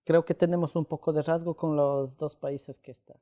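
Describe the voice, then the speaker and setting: Soft-toned man. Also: on the high side, little pitch movement. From Ecuador. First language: Quichua. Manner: halting, with many pauses and "eh" fillers. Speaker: interviewee. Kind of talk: casual conversation.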